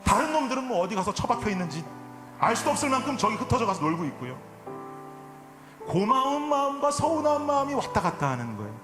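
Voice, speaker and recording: A man in his forties, a pastor preaching a sermon, telling a family story and building to impassioned, shouted preaching. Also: very high-pitched, sing-song, quick pace. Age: 40s. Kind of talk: sermon with personal anecdote. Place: church sanctuary. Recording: echoey church hall with music behind.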